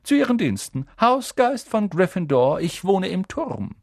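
A man's voice: high-pitched, sing-song, measured pace, no echo, clean studio sound, voice pushed up, exaggerated voice. A man voicing a prim, melancholy old ghost nobleman who speaks formally and takes offence easily, in an audiobook. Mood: wistful, formal. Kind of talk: audiobook character voice.

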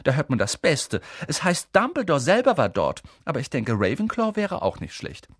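A man voicing a bossy, fast-talking eleven-year-old schoolgirl in an audiobook, commanding and rattling off words breathlessly. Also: fairly high pitch, huge pitch swings, dry recording, clean studio sound, voice pushed up. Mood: lecturing. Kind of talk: audiobook character voice.

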